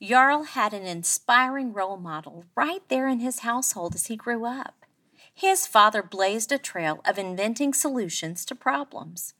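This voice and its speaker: A woman podcast host giving a scripted narration with an upbeat, expressive delivery. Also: fairly high pitch, moderate pace. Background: soft guitar music.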